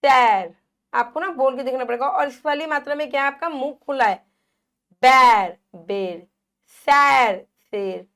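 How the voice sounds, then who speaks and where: A woman's voice: high-pitched, brisk. A woman teacher giving a Hindi phonics lesson to young children, repeating words and stretching the vowel sounds, asking questions and answering them herself.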